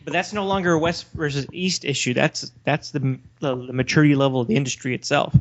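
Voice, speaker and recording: Speaking fast in a steady, slightly high voice, a man co-hosting a casual podcast argues in a challenging debate style. The recording is lo-fi and slightly dull.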